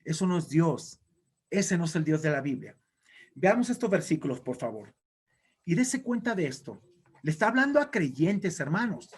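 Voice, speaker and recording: A man's voice: a little high, very animated, moderate pace, husky. A male pastor preaching a sermon in an emphatic, exhorting way.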